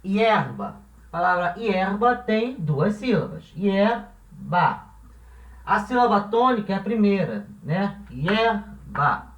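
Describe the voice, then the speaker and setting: A high-voiced man gives a slow, patient language lesson, repeating his examples and stopping to check understanding. He stands some distance from the mic in an echoey room. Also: sing-song, a bit bright, dull audio. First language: Portuguese. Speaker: language teacher. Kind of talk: classroom-style lesson explanation.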